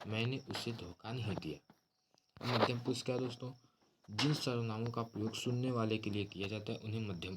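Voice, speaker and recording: A man's voice: fairly low pitch, heavy background noise. A man teaching a grammar lesson, explaining terms steadily and often addressing listeners as friends.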